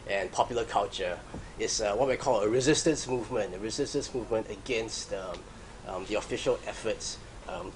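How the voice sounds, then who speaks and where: A man with a Singaporean accent giving an academic lecture in a halting way, restarting phrases and often checking in with the audience. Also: on the low side, a little hiss or hum, poor audio. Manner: halting, with repeated starts and frequent check-in "right?".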